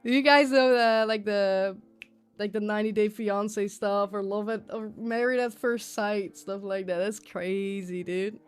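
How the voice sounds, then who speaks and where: Her voice is clear and resonant, medium in pitch, with fairly even intonation and a measured pace. She's a streamer rambling casually and repetitively, cursing as she goes, while music runs underneath.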